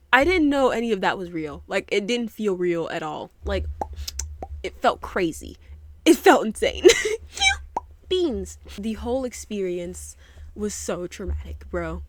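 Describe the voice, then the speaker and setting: A woman's voice: mid-range voice, slight background noise. A young woman vlogging a casual storytime, often laughing at herself and breaking off mid-sentence. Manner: giggly, self-deprecating, interrupts herself.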